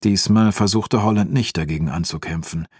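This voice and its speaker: A man reading a fantasy audiobook in a calm, even storytelling voice, close to the mic. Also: low-pitched, moderate pace, slightly rough, no room sound. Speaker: audiobook narrator. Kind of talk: scripted fantasy audiobook narration.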